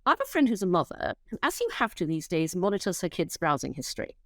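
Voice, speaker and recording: Woman, middle-aged, interview guest, emphatic, blunt, lively pitch, dry sound. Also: dry recording. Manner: emphatic, fast pitch with repeated restarts; blunt, swears freely. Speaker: interview guest, company founder. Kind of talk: animated interview talk.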